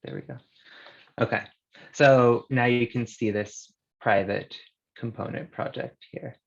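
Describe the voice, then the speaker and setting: Gravelly man on a screen-recorded call. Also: medium pitch, steady tone, unhurried, lo-fi sound. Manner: casual, hesitant, many fillers. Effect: screen-recorded video call audio. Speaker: engineer presenting a demo. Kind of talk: live software demo on a video call. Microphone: video call.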